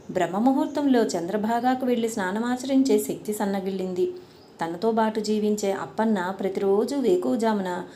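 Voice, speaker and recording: A woman tells a devotional tale in a measured, formal way. Her voice is dark and mellow. A roomy echo and faint background noise sit under the recording. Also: mid-range voice. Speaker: storyteller. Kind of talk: scripted devotional story narration.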